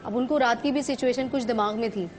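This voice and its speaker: A woman's voice: a little high, a little fast, faint music behind. A woman from Pakistan, a talk-show guest, telling a vivid personal story and acting out what others said.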